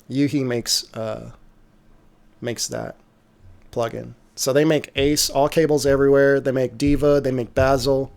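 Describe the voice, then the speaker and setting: A man hosting a casual livestream, answering viewer questions about music software in a relaxed way, trailing off with fillers. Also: medium pitch. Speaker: music producer streamer.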